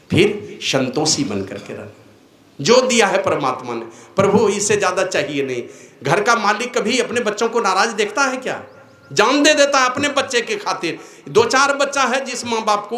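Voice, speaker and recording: An older spiritual teacher offers a devotional discourse with a sharp tone, rising into exhortation and then sinking into low, slow asides, all in a reverberant space.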